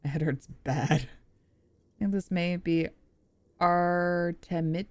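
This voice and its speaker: A woman's voice: lowish voice, slow, dry recording. A young woman streaming a video game and chatting about it in a playful, self-mocking way, laughing and swearing. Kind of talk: casual gameplay commentary.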